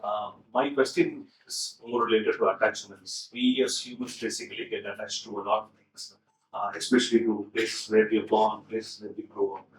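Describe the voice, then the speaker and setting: Flat, low-voiced male interviewer. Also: moderate pace, echoey room, rough recording. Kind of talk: asking interview questions.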